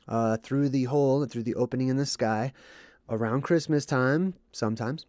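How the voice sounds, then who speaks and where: With a mid-range, slightly mellow voice at a moderate pace, this livestream host explains things and reads chat for his audience. He sounds a bit congested and under the weather and often checks in with "okay" or "right," in clean studio sound with no room sound.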